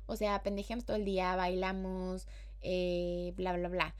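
A woman's voice: on the low side, little pitch movement, a little slow, darkish tone. A woman with a Mexican accent, hosting a podcast in a chatty, slangy, casual way. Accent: Mexican Spanish. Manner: chatty and slangy, with playful acted-out quotes. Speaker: podcast host.

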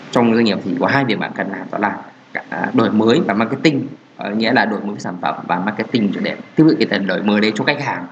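A man's voice: lowish voice, lo-fi sound, a little hiss or hum. Rambling man talking on a podcast. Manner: rambling with many fillers and restarts. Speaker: podcast host. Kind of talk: casual solo podcast talk on marketing.

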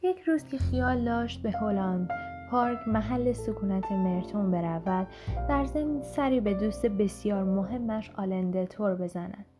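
A woman narrator giving an audiobook reading in a measured storytelling manner. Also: mid-range voice. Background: background music.

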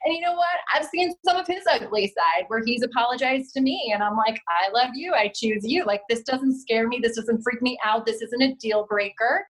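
A woman in her thirties, a relationship coach talking in a casual interview, animated and acting out quoted lines. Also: a little high, rough recording. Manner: animated, quick asides, acts out quotes. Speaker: heartbreak coach, guest.

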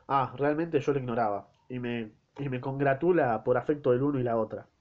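Argentine man reading as a smooth-talking quack doctor, lecherous and flowery, mid-pitched, dull lo-fi sound. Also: fairly quick, close to an everyday voice. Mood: flattering. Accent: Argentine Spanish. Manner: flowery, flattering courtly speech. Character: scheming lecherous fake doctor, adult man.

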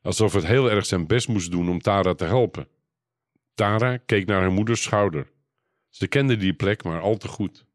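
A man reading a children's storybook aloud in a calm, even narration. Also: on the low side, moderate pace, no echo, studio quality.

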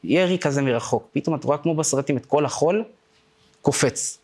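A man's voice: on the high side, darkish tone. A man in his twenties giving personal testimony in a casual, slangy way, with broken-off phrases and repeated words. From Israel. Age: 20s.

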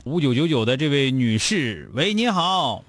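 Blunt Northeastern Chinese man, animated radio host. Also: mid-range voice, moderate pace, loud music behind the voice. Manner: blunt, scolding, rhetorical questions. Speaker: radio call-in show host. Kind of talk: call-in advice talk.

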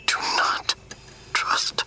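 A frightened secret informant. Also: female voice, drawn-out words, full character voice. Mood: urgent whisper. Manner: urgent hushed whispering. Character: secretive woman warning a captive in whispers.

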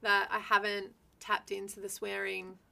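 Aussie woman w a really broad accent, very bright forceful voice, frank casual chat. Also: medium pitch, monotone, normal speed, gravelly. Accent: broad Australian. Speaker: conversation participant.

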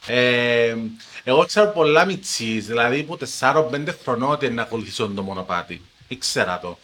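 Bright, animated Paphos-accented man. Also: medium pitch, slight background noise. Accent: Paphos Cypriot Greek. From Paphos, Cyprus. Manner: animated, emphatic storytelling. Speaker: TV journalist guest. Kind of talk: casual podcast interview.

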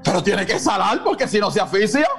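A male pastor preaching a sermon in an exclamatory way, calling out to listeners by name and bursting into shouts. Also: high voice, sing-song, fast talker, faint music behind.

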